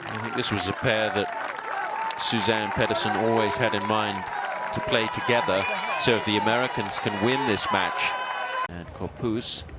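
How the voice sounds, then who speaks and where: A man with a fairly low voice delivers live golf commentary for television. Loud outdoor noise from the course sits heavily behind him throughout. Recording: very noisy outdoor broadcast ambience.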